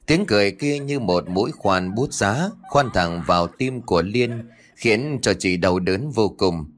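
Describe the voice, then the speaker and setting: Người đàn ông giọng trầm kể truyện ma. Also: male voice, on the low side, lively intonation, measured pace. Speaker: storyteller. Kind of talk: scripted ghost story narration. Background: faint music.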